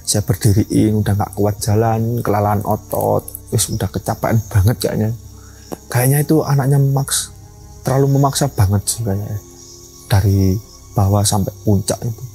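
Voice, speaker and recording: A man's voice: fairly low pitch, fairly even intonation, normal speed, creaky, warm tone, soft background music, rough recording. A young man, a mountain ranger and guide telling a story in an interview and acting out its dialogue. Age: young adult.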